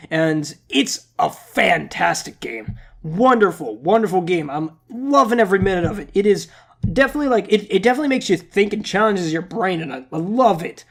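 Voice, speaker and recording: In a casual update vlog for his gaming channel, a young man with a high voice rambles playfully and pokes fun at himself. He's congested, so he sounds slightly nasal and scratchy.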